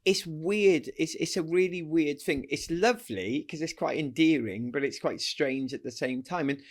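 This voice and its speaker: Animated British man telling stories. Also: fairly high pitch, moderate pace. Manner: animated storyteller, acts out voices, laughs often. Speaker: guest athlete. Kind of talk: casual storytelling interview.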